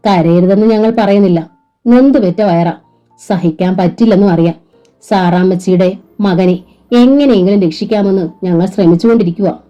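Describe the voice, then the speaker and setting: A woman reading the part of a calm, firm male union leader among auto drivers. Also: mid-range voice, moderate pace, dull audio, faint music behind, close to an everyday voice. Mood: reassuring.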